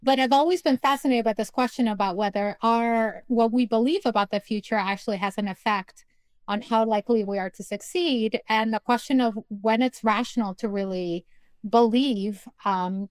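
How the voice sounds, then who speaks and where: A woman from Peru, a philosophy professor, speaking as a guest on a radio talk show with thoughtful, measured explanations. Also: medium pitch, no echo. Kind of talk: radio interview conversation.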